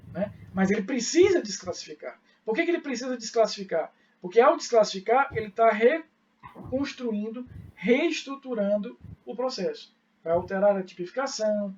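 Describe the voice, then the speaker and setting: A man's voice: sits high, darkish tone, lo-fi sound, slight background noise. Brazilian male professor lecturing, distant. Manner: explanatory, asks rhetorical questions and checks in with students. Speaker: law professor. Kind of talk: live online lecture.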